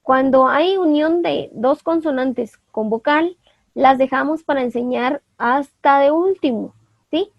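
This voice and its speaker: A woman's voice: high voice, measured pace, no room sound, lo-fi sound. A woman teacher giving an online class, explaining step by step, spelling out syllables and often asking her students for confirmation.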